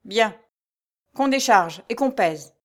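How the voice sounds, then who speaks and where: A brutal, pompous little steward who barks his orders loud and high, as a woman reads him. His voice is forceful and sharp, and every sentence sounds like an order. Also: animated, takes it slowly. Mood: haughty. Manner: loud, barking, peremptory. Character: short, blustering male steward, harsh. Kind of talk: storybook reading.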